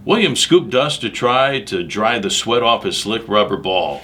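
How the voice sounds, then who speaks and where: A bright-voiced male storyteller with a lowish voice, speaking a little slowly, reads a picture book aloud to children. He is animated, dramatic and emphatic, talking straight to his young listeners and adding asides about the pictures.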